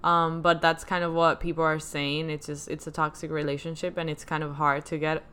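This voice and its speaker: A woman's voice: low voice, flat delivery, fairly quick, fairly bright tone, clear, resonant tone. A young woman co-hosting a casual celebrity news chat, hesitant and full of fillers. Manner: hesitant, many fillers and restarts. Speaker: co-host.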